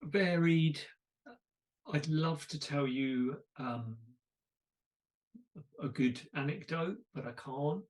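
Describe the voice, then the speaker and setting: A man's voice: fairly high pitch, slow pace, long pauses. A man hosting a podcast, chatting casually and telling stories with self-deprecating asides. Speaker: podcast host. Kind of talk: casual conversation.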